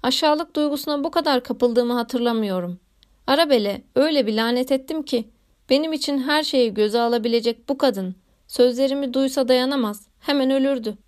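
A woman reading a classic novel aloud in a measured, literary narration. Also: high-pitched, darkish tone. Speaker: audiobook narrator. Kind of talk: scripted narration.

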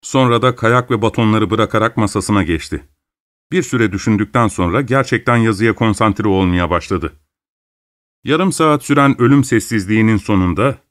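Storyteller, man, measured, wry, close and dry sound. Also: medium pitch, no room sound. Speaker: narrator. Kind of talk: scripted story narration.

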